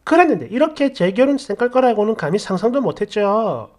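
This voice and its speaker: A woman's voice: a little high, big pitch swings, fairly quick, darkish tone. A woman narrating a story in the first person, sounding indignant and aggrieved as she complains.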